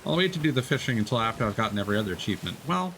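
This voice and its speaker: Very fast and sing-song at medium pitch, this man chats casually while streaming a game. He explains fishing tips in a rambling, hesitant manner, restarting often and using lots of fillers, over faint background noise.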